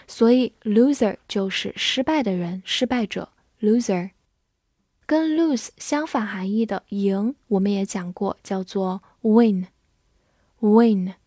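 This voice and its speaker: Slow, careful woman teaching English words. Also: medium pitch, warm tone, dry recording, studio quality. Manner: spells words letter by letter and reads example sentences slowly. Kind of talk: vocabulary lesson.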